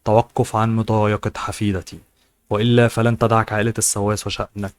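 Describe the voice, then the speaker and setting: A man's voice: fairly low pitch, little pitch movement, quick pace, a little hiss or hum, close to an everyday voice. A man voicing a cold, stern wealthy grandmother in an audiobook, scolding.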